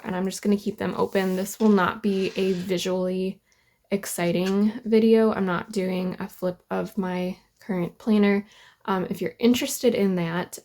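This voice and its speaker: A woman's voice: medium pitch, darkish tone. A woman talking casually to camera about planners, a bit nasal from a head cold, hesitant with many ums. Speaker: planner vlogger. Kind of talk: casual vlog talk.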